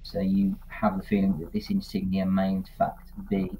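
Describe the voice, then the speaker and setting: Man, game master, deep monotone, phone-like voice-chat audio. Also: normal speed. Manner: steady descriptive narration with fillers. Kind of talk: narrating a tabletop game over voice chat. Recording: tinny voice-chat audio, faint noise.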